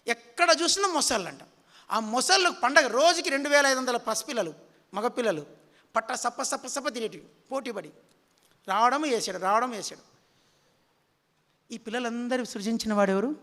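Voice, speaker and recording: Preacher, male, very high and forceful voice, keeps quizzing the congregation, long reverb of a hall. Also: lively intonation, normal speed, pauses often. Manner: quizzes the audience with repeated questions. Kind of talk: sermon.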